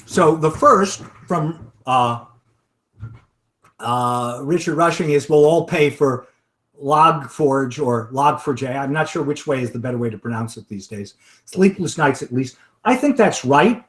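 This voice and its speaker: A man's voice: a little high, lively intonation. A man giving an online talk and then answering audience questions from the chat, with frequent fillers and restarts. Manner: halting, many fillers and restarts. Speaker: webinar presenter. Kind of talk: lecture with audience Q&A.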